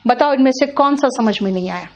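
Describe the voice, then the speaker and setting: A woman's voice: sits high, lively intonation, a little fast, lo-fi sound, a little hiss or hum. A woman with an Indian accent teaching English pronunciation in an online class, patiently repeating sounds and checking that students follow.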